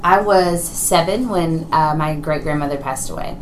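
A woman's voice: deep voice, a crowd in the background, rough recording. A woman in her early twenties from Houston, chatting as an interview guest in an upbeat, talkative way. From Houston, Texas. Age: early 20s. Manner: upbeat and chatty, with fillers and quick laughs. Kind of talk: casual interview chat.

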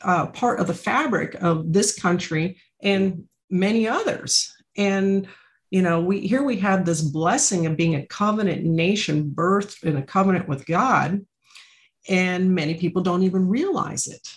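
A woman's voice: on the low side, animated, measured pace. A woman hosting a podcast interview who responds to her guest with affirming enthusiasm. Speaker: podcast host. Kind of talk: conversational interview.

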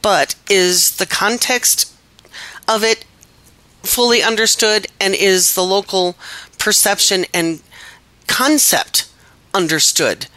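A woman's voice: mid-range voice, slow, long pauses, pushed and bright, no room sound, poor audio. A woman hosting a podcast interview, asking probing questions and stressing key words. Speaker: podcast host.

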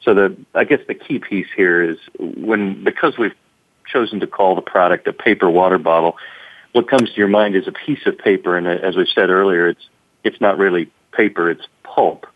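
A man speaks as a company guest in an interview, stopping and restarting often, with "uh" between phrases. His voice is very low and dry. It comes through a thin, phone-like line. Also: no echo. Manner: halting, many repeats and fillers. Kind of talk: interview answers.

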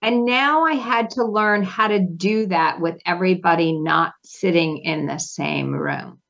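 A woman's voice: on the low side, very animated, unhurried, vocal fry, a bit bright. A woman speaks as a guest on a radio show, taking her time over each thought. Her voice comes through a muffled lo-fi line, and she muses aloud with questions to herself. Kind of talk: radio interview chat.

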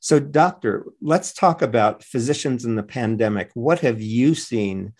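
A man's voice: medium pitch, lively intonation, unhurried, a little mellow, husky. A man hosting a radio talk show, addressing listeners and a guest.

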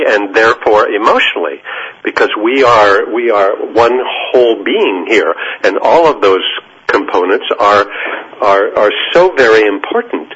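A male physician speaking as a guest on a radio talk show, halting and full of fillers. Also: fairly low pitch, fairly bright tone, slightly rough. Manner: halting, many fillers and restarts. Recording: muffled lo-fi radio line.

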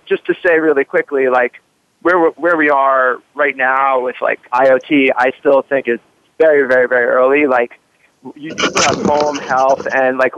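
A man's voice: medium pitch, fairly bright tone, no echo. Conversational male correspondent on a dull link. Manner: conversational, frequent "like" and "you know". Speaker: roving correspondent, interview guest. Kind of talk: casual interview talk.

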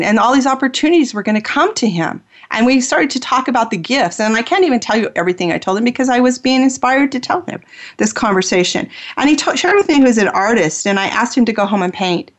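A woman's voice: a little high, lively intonation, quick pace. A woman who hosts a spiritual healing radio show, telling a personal story in an earnest, heartfelt way.

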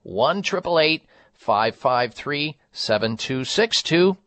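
A man's voice: mid-range voice, expressive, slow pace, fairly bright tone, no room sound. American male talk radio host, dry sound. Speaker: radio health show host.

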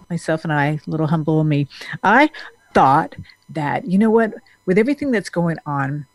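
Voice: mid-range voice, no room sound. A therapist from Denmark talking earnestly to the camera in a loose, rambling monologue, full of restarts and fillers. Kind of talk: casual talking-head monologue.

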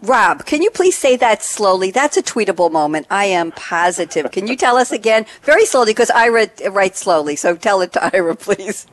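A woman's voice: mid-range voice, animated, moderate pace, few pauses. A woman hosting a live radio panel show, chatty and joking with her guests.

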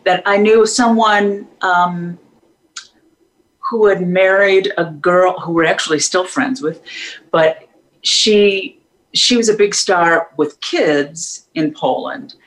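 A woman's voice: fairly low pitch, slow pace, poor audio. A woman singer being interviewed, telling stories in a rambling way with many restarts and laughs. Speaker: singer guest. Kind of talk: casual interview storytelling.

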